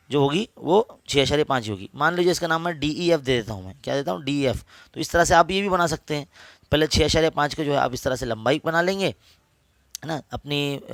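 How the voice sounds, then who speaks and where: A man's voice: a little high, creaky, dry recording. A man with an Urdu accent, a maths teacher patiently explaining geometry step by step to students, repeating each point.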